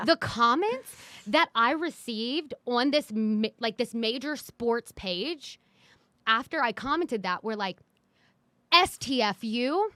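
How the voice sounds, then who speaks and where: Young woman, casual podcast chat, bright tone, dry sound, animated. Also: fairly high pitch, slow pace, no room sound. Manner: animated, gets heated and loud, laughs a lot. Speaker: podcast co-host.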